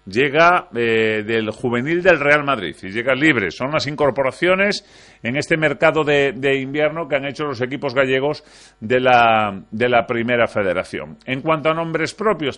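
A man's voice: on the high side, fairly bright tone. A man presenting a sports news bulletin, with frequent fillers and restarts as he reads out names.

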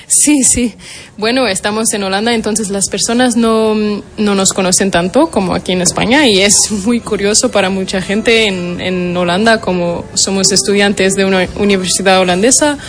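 A woman's voice: medium pitch, moderate pace. Portuguese-accented young woman, hesitant. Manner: hesitant, searching for words. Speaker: interviewee, tuna member. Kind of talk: interview.

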